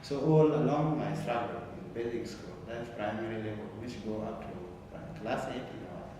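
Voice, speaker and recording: A young man from South Sudan telling his life story in an interview, earnest and deliberate, repeating words as he searches for them. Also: mid-range voice. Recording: echoey room from far off, background noise.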